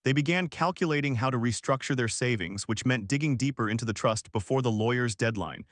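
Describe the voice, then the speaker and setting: A man narrating a first-person story in an even, measured way. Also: mid-range voice, no room sound, studio quality.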